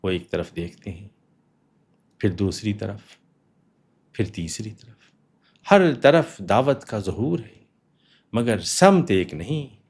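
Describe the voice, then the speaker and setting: Solemn low-voiced male narrator. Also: big pitch swings, breathy edge. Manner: slow, solemn, hushed pauses. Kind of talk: reflective scripted narration.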